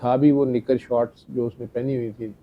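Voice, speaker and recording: A middle-aged man tells a story to a gathering, chatty and anecdotal, acting out each line of dialogue. His voice is gravelly and sits at an ordinary pitch. The recording sounds dull and lo-fi. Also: little pitch movement, normal speed. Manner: anecdotal, chatty, quotes dialogue, laughs between lines. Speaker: speaker addressing a gathering. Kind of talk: storytelling talk.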